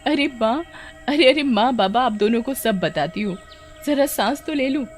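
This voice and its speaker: A woman voicing an excitable young village girl in a cartoon, breathless and eager. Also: fairly high pitch, moderate pace, soft background music, voice pushed up, close to an everyday voice. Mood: excited.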